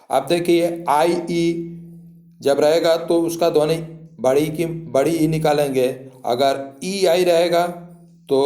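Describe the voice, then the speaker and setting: A man's voice: on the high side, warm tone. A man teaching a lesson, spelling words out letter by letter and repeating the rules. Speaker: English teacher. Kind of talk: spoken classroom lesson. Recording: echoey room.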